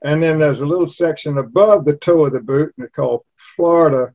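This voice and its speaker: A man's voice: fairly high pitch, brisk, darkish tone. A man in his eighties from Louisiana, a cookbook author, chatting in an interview and telling rambling stories. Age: 80s. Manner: rambling storyteller, slips into regional imitations. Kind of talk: casual interview chat.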